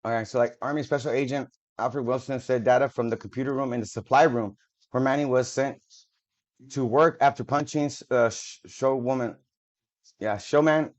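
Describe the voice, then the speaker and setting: A man reads long official text aloud in a middle-range voice, tripping over words and restarting them. He breaks off into loose, profane asides before picking the text back up. The audio sounds dull and lo-fi. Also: medium pitch. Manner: halting reading, stumbles and restarts over words, swears in offhand asides. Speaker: video creator. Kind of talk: reading documents aloud with casual asides.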